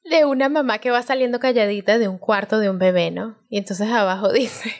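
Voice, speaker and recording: Brief: high-pitched woman, podcast co-host, expressive casual chat. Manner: expressive, laughing, drawn-out phrases. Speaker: podcast co-host, doctor and mother.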